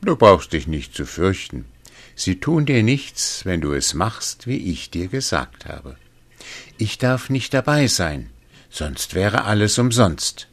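A man doing a little grey helper-man, high and urgent. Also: sing-song, slow pace, heavily acted. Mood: reassuring. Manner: raised pitch, urgent and commanding.

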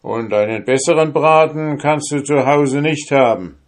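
Man voicing a cheeky soldier, loud, boisterous, high-pitched, fairy-tale storybook. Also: measured pace. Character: bold hungry male soldier, cheeky and fearless.

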